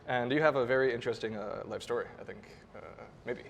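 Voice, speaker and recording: A man hosting a casual podcast interview, talking quickly and teasing his guest with easy laughs. The recording has a long reverb and a faint hiss in the background. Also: medium pitch, vocal fry. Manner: chatty, laughs easily, playful teasing. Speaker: podcast host. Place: apartment building.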